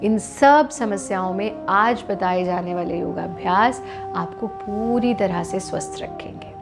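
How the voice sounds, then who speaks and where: Calm, slow-speaking Indian woman yoga teacher. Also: mid-range voice, vocal fry, music in the background. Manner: calm, measured, instructive. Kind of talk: guided yoga instruction.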